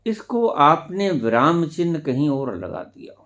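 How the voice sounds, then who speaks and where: A man giving a spiritual discourse as a teacher, speaking deliberately with sudden loud emphatic rises. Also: on the high side, very animated. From India.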